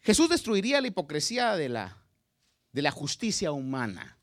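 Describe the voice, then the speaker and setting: A male pastor delivering a dramatic sermon, swinging from loud emphatic bursts to quiet, drawn-out phrases. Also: on the high side, wildly swooping pitch.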